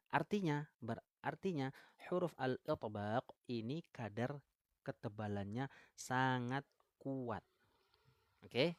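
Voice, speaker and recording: A man's voice: medium pitch, no room sound. Indonesian man teaching tajwid live. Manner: asks viewers questions, reads out comments. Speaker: Quran recitation teacher. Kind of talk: live-stream tajwid lesson. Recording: live stream, dry close mic.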